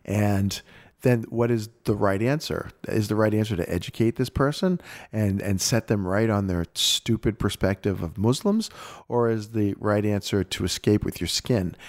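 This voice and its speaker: A man's voice: on the low side, normal speed, a little mellow. A man hosting a casual conversation, reacting thoughtfully and musing on what his guest said.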